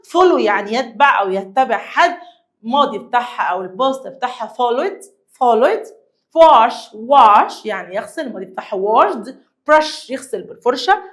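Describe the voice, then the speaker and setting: A young Egyptian woman with a high voice and an Egyptian Arabic accent teaches children an English vocabulary lesson. Lively and coaxing, she repeats each new word slowly for her pupils.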